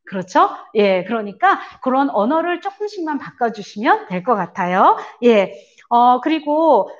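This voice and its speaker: A woman teaches a parenting seminar in an earnest, explaining way, filling her pauses with little sounds. Her voice sits a little high and swings widely in pitch. The recording is dull and lo-fi. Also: very animated. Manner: earnest, explaining, many fillers; acts out parents' lines in a raised voice. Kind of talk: church parent seminar lecture.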